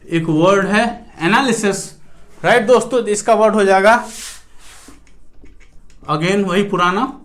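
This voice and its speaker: Indian male english teacher, high voice, mixes hindi and english, says "right" a lot. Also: fairly bright tone. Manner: mixes Hindi and English, keeps asking "right" and calling viewers friends. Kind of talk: classroom grammar lecture.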